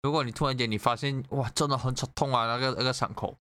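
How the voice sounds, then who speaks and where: A man casually telling an animated story in conversation, swearing freely. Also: mid-range voice, fast talker, smooth, dry recording. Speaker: guest sharing a story. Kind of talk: casual chat.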